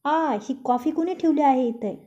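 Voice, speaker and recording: A woman's voice: sits high, fairly even intonation, moderate pace, mellow, highs cut off, natural voice. A woman voicing a short-tempered young man who teases and snaps sarcastically, read in a storybook style. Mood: irritated sarcastic. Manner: taunting, sarcastic. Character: young man, grumpy, teasing, quick to snap.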